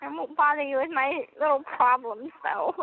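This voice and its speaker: A woman's voice: high-pitched, moderate pace, gravelly. Giggly young woman on a prison phone. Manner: giggly, chatty, full of "like" and "um". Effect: prison phone line. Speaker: inmate on a phone call. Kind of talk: casual phone chat. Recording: tinny phone line with faint noise.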